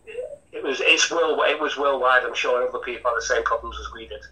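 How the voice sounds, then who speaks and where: A man's voice: mid-range voice, fast, pushed and bright, recorded from a distance, low-quality recording. A man, a hotel chef talking through an interview with many restarts. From Lancashire, England. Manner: chatty, rambling with frequent restarts.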